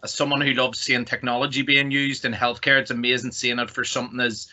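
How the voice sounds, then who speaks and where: A Northern Irish man, a tech company executive appearing as a guest presenter, gives a semi-formal online presentation on behalf of his company. His voice is medium in pitch and level in tone, bright and forceful, and he talks fast. The online call audio is dull and lo-fi.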